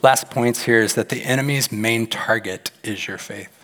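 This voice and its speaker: Animated male pastor in reverberant hall. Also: normal speed. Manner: animated, acts out quoted voices with big pitch jumps. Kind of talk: sermon.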